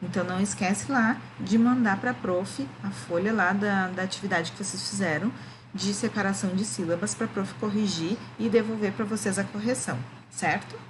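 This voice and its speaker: A woman's voice: mid-range voice, fairly even intonation, moderate pace, background noise. A woman, a primary school teacher, gives a remote lesson to children, explaining patiently and often checking that they follow.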